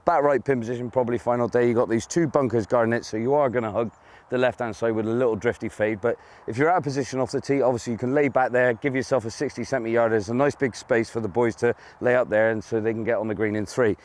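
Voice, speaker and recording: A man's voice: medium pitch, fairly even intonation, fast, darkish tone. A man giving a chatty, enthusiastic, informal golf hole walkthrough outdoors. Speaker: golf course guide.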